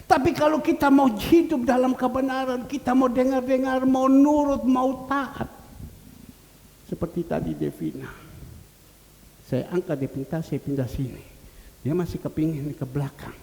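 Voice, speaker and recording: Older male pastor, gravelly voice. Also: moderate pace. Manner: swings from loud pleading cries to low murmured asides. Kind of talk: sermon. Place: church hall. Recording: reverberant church hall, faint noise.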